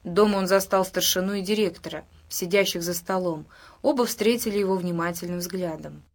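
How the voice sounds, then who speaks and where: A woman narrating an audiobook in a calm, even storytelling voice. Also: on the low side, fairly quick. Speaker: audiobook reader. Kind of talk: scripted narration.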